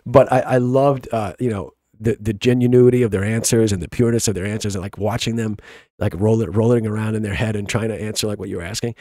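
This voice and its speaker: A man's voice: fairly low pitch, a little mellow, no room sound, studio quality. A middle-aged man with a Long Island accent, co-hosting a casual book club podcast in a rambling, reflective way with frequent restarts. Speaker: podcast co-host.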